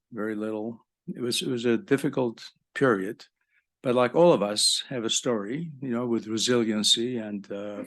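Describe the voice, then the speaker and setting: An older man born in Egypt, a professor giving a live conference talk in a conversational way with joking asides to the audience. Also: mid-range voice. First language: French.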